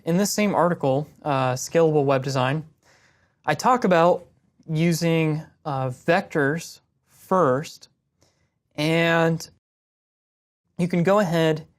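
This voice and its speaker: A young woman with a low-sitting voice answers viewer questions about web design. Her screen-share lesson is casual and relaxed, and she explains things step by step.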